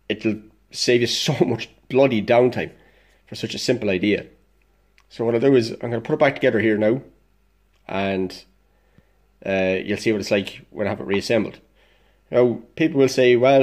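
A congested DIY vlogger, dosed up with illness, casually explains a fix at his workbench in an indoor workshop. His medium-pitched, darkish voice is blunt and plain-spoken, with the odd swear word.

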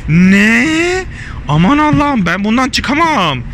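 A man's voice: high voice, a little fast. A man filming his daughter at a playground, cheering and coaxing her in casual vlog talk to viewers. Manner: excited, exclaiming, coaxing. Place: outdoor playground. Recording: noisy outdoor handheld recording. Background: city street noise and traffic.

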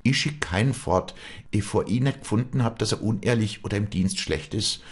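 A man's voice: on the low side, normal speed, husky, pitched above the performer's own voice. A man voicing a proud young peasant woman who now runs her farm, speaking firmly in rural dialect. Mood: stern. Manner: firm, commanding, in rural dialect.

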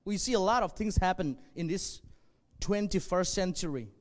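A man in his forties from northwest Burma, a native Zomi speaker, preaching a sermon in an earnest, measured way with frequent pauses, speaking into a handheld mic on a church stage. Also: high voice, animated. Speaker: pastor. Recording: long hall reverb.

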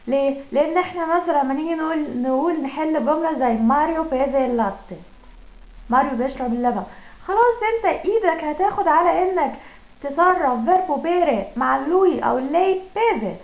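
A woman with an Egyptian Arabic accent teaches Italian in a casual, direct way, asking questions and answering them herself. Her voice is high with a gravelly edge. She is recorded in an echoey room with a dull, lo-fi sound. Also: quick pace. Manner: direct, explains with examples and rhetorical questions. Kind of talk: casual spoken lesson.

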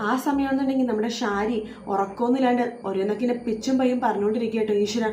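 A woman's voice: on the high side, fairly even intonation, rapid-fire, a little mellow. A woman casually retelling a TV serial episode in a chatty way, adding coaxing tags to her sentences. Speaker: serial recap narrator. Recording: echoey room with faint noise.

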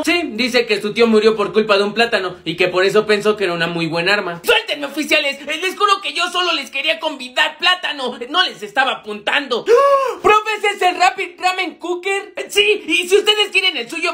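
A young man with a Mexican accent performs comedy skits in an unnaturally high voice. His tone is bright and forceful. The delivery is exaggerated and animated, switching between characters. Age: young adult. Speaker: comedy skit creator playing all characters. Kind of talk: acted school comedy skit storytime.

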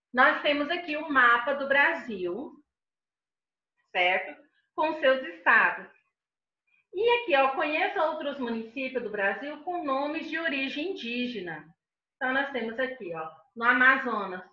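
A woman teacher from Brazil, giving a patient video lesson to young children, reading the exercises aloud and sounding out syllables one by one. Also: high voice. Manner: reads exercises aloud and spells out syllables slowly. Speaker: schoolteacher. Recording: echoey room, dull lo-fi sound.

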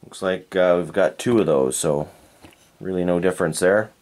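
A low-voiced Canadian man muses over toy cars at a tabletop diorama indoors, with a little background noise. It's an unscripted, hands-on review, and he stays relaxed and unhurried, thinking aloud and correcting himself as he goes.

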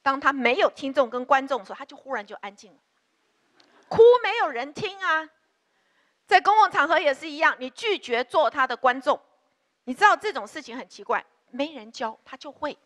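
A middle-aged woman giving a church lecture on parenting and leading a prayer, emphatic and lively, asking the audience rhetorical questions. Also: high-pitched, fairly quick. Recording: hall reverb.

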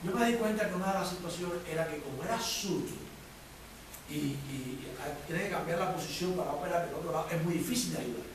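Male pastor, high voice, animated sermon storytelling, distant mic in a very echoey church with faint noise. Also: fast. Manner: animated storytelling preacher, jumps loud and high for emphasis. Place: church sanctuary.

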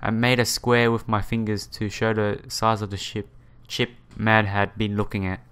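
In a smooth, fairly bright voice on the low side, a let's play host reads a visual novel at normal speed with a flat delivery. He adds casual asides, occasionally trips over the text, and repeats phrases.

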